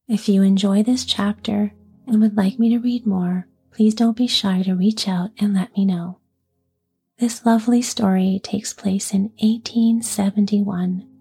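Female bedtime narrator, gentle bedside delivery, dark and hushed tone, faint music underneath. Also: mid-range voice. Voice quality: breathy, hushed. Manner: soft, gentle bedside voice, soothing. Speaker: bedtime story podcast host.

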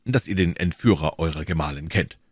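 A man's voice: a bass voice, fairly quick, no room sound, clean studio sound. A man reading an audiobook, voicing a stern, indifferent police commissioner who questions a prisoner. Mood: cold, stern. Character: cold, suspicious male police commissioner, middle-aged.

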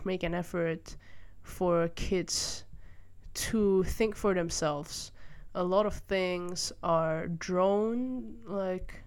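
In a casual solo monologue, a young Malaysian podcast host muses over her opinions with hesitation, frequent fillers and restarts. Her voice is fairly low with a clean tone. She is seated in a room beside a window, with rain outside.

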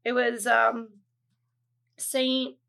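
A woman's voice: fairly high pitch, flat delivery, extremely slow, gravelly, sharp tone. A woman on a casual podcast, a guest horror expert who explains movie lore hesitantly, with many ums.

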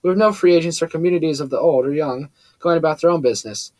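A man's voice: on the high side, fast talker, darkish tone, no echo, close to an everyday voice, low-quality recording. A man voicing a cold, severe female villain. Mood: cold menace. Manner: soothing tone over steely menace.

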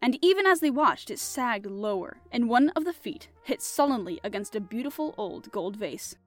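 A woman podcast host reading a classic mystery novel aloud in an expressive, animated style. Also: on the high side, moderate pace, faint music behind. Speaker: podcast host and audiobook reader. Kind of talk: audiobook narration.

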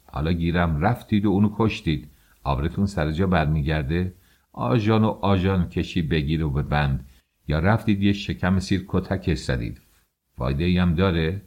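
A man reading an audiobook, voicing a calm, dignified older uncle who speaks in a measured, persuasive way. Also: sits low, husky, muffled recording. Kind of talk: audiobook character voice.

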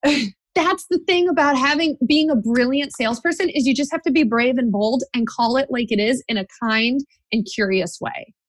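A woman's voice: sits high, moderate pace, no echo. Confident female networking coach. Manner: confident, direct, encouraging. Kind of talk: interview answers.

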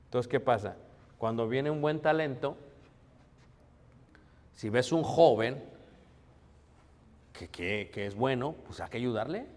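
A man's voice: mid-range voice, lively intonation, takes it slowly, pauses often, a little mellow. A man preaching a sermon conversationally, often calling out to his congregation as brothers. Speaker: pastor. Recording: long hall reverb.

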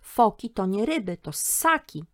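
A woman's voice: mid-range voice, sing-song, unhurried, no room sound, clean studio sound, voice pushed up. A woman voicing an earnest, outspoken schoolgirl in a storybook reading, her voice raised well above her own. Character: bright, outspoken schoolgirl daughter.

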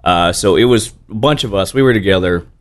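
A tired man in his thirties talks as a guest in a loose, rambling way. He restarts his sentences often and curses now and then. His voice sits a little low in pitch. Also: brisk. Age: 30s. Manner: rambling storyteller with many restarts, cursing. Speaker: bartender guest. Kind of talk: casual interview chat.

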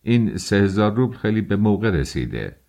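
A man voicing a haughty middle-aged suitor who speaks in a stiff, contemptuous, measured way, in an audiobook. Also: fairly low pitch, big pitch swings, dark tone. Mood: cold.

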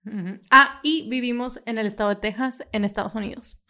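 A young adult woman from Mexico with a Mexican accent, co-hosting a podcast in casual chat, quick and full of agreeing murmurs. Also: on the high side, fairly even intonation, bright, forceful tone. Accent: Mexican Spanish. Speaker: podcast co-host.

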